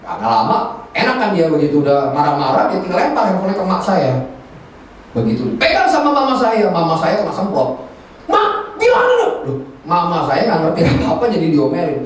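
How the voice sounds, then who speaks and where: Animated pastor in an echoey hall. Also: male voice, on the high side, quick pace, a little hiss or hum. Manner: animated storytelling, colloquial Jakarta slang. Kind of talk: sermon. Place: church hall. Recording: distant echoey church hall recording.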